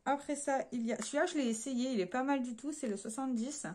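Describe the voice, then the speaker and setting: Woman doing a chatty makeup haul, lots of little pauses and self-corrections, talks right to the camera. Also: sits high, steady tone, warm tone. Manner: chatty, hesitant with frequent fillers and self-corrections; addresses viewers directly while showing swatches. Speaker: beauty vlogger. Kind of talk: casual product haul.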